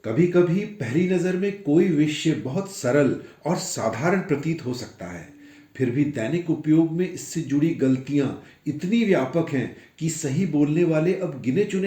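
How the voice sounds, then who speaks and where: Slow, careful male Hindi teacher. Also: on the high side, dark tone, roomy sound. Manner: slow, careful, deliberate enunciation of example words. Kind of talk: scripted instructional narration.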